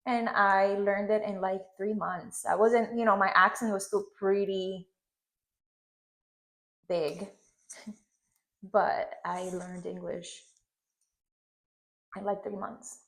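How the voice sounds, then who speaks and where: This Puerto Rican woman, in her thirties and speaking accented Spanish, takes her time through a hairstyling demonstration, leaving long pauses and often asking "okay?". Her medium-pitched voice is fairly bright with little pitch movement, and the recording is rough.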